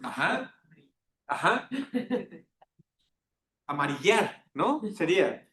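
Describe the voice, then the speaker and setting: A man's voice: big pitch swings, extremely slow, a bit bright. A man giving a classroom lecture, engaging the class and checking in with tag questions. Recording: echoey classroom with faint rumble.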